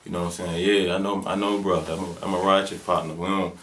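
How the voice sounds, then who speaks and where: Fast-talking, with a low voice, a level tone and a fairly bright timbre, this man is a rapper in his twenties. Hailing from Birmingham, Alabama, he answers interview questions in a Southern US accent, laid-back and slangy, with plenty of fillers.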